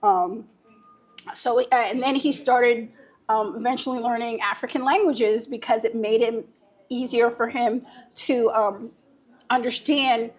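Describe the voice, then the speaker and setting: A woman giving an informal guided tour, explaining things in a halting way with frequent pauses mid-phrase. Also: a little high, steady tone. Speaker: museum guide.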